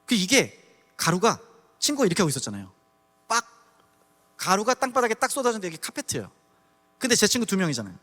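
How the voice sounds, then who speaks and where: A man from Daegu giving a testimony sermon at a church service, telling his story in an animated way and acting out the scenes. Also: high voice, quick pace, pauses often. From Daegu, South Korea. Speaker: guest preacher. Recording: long church hall reverb.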